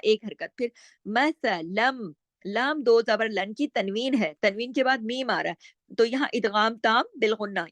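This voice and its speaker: A woman with a slightly high voice teaches the rules of Quran recitation. She goes step by step, poses questions and answers them herself, and stretches each recited word out slowly. The sound is dry and close, with no room in it. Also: dry recording. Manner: patient, explains step by step, asks and answers her own questions; draws out Arabic words slowly when reciting. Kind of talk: tajweed lesson with slow recitation.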